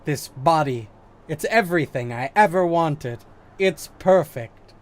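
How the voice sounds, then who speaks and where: Man voicing an earnest young golem, drawling Southern, slow and lively. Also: on the high side. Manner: heartfelt, a put-on Southern drawl.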